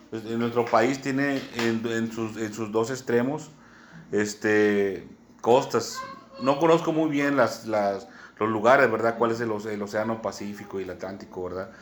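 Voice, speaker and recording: A man with a Mexican accent preaching a sermon, teaching slowly and often checking in with "¿verdad?". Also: mid-range voice, slight background noise. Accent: Mexican Spanish. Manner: unhurried teaching tone, many "¿verdad?" asides, spells words out.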